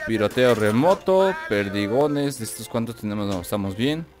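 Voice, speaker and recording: A gaming video host with a Mexican accent and a lowish, animated voice chats and jokes to himself and his viewers at normal speed over music. It's jokey let's play commentary as he plays a video game.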